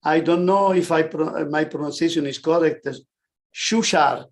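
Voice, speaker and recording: A man's voice: a little high, fairly even intonation, a little mellow. A man moderating an online symposium, speaking hesitantly with fillers and awkward phrasing. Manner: slow, hesitant, non-native phrasing.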